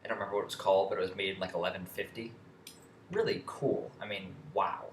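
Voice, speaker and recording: Young man, low voice, rambling profane storytelling, echoey room, faint background hum. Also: fairly even intonation, quick pace. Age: young adult. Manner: rambling, profane, with many restarts and fillers. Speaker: vlogger. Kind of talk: casual storytelling rant.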